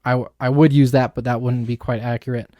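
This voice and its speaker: Flat-voiced young man explaining ideas. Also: mid-range voice, fast, no room sound, studio quality. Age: young adult. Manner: thoughtful, explanatory, with frequent fillers. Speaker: podcast co-host. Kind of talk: casual podcast discussion.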